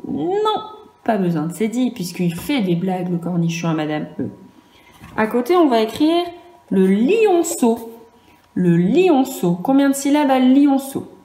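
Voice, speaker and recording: A woman's voice: mid-range voice, dark tone, roomy sound. A woman with a French accent teaching young children in a virtual class, patiently spelling out sounds and syllables. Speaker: primary school teacher.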